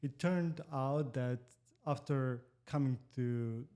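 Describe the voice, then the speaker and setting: Guesting on a relaxed interview, this mellow, medium-pitched man from Moldova talks slowly, choosing his words carefully and pausing often. He's in his forties and a native Russian speaker.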